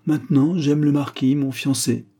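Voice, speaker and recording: A man's voice: medium pitch, fairly even intonation, moderate pace, mellow, husky, voice pushed up. A man reading the part of a young noblewoman in an audiobook, dignified and dismissive. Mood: coolly dismissive.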